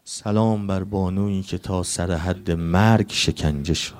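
A male preacher giving a Shia mourning sermon in a quick, conversational way, reciting Arabic quotations along the way. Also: deep voice, a little mellow.

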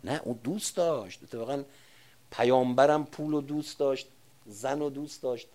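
An older man giving a sermon, moving between quiet personal recollection and loud, emphatic preaching. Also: medium pitch. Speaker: religious speaker. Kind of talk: sermon with personal war memories.

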